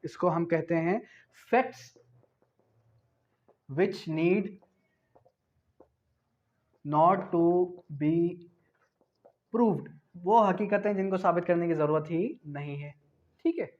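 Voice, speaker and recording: His voice sitting high, a Pakistani-accented man draws out his words and leaves long pauses while explaining the law. He asks questions and answers them himself in a didactic manner, mixing in English terms alongside Urdu, in dull, lo-fi lecture audio.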